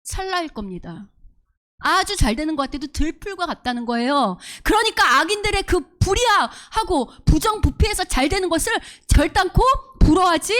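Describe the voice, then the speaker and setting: A woman pastor preaching a sermon with a high voice that rises and falls widely. She speaks earnestly and keeps asking the congregation questions. She is heard from a church service. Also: lively intonation, moderate pace, fairly bright tone. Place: church service, streamed online.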